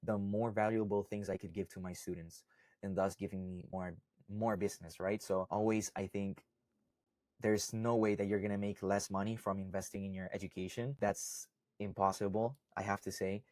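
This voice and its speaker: A man's voice: fairly low pitch, little pitch movement, moderate pace, darkish tone, no echo, studio quality. A young man from Costa Rica, a salsa instructor, talking casually to camera and often checking in with "right?" and "okay?". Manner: conversational, often ends points with "right?" and "okay?". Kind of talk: casual explainer talk to camera.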